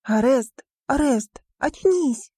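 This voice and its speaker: A frightened teenage girl pleads in a thin, raised voice, as a woman narrator puts her on. The tone is mellow, the recording dry and close. It sounds like a storybook read aloud. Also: slow pace, no room sound. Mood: alarmed. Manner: high, pleading.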